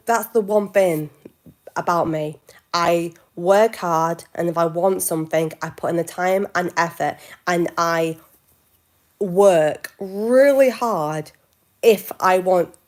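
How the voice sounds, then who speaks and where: Woman in her twenties, low voice, slow pace, casual live chat, stop-start delivery. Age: 20s. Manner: halting, self-correcting, with soft asides. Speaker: livestreamer.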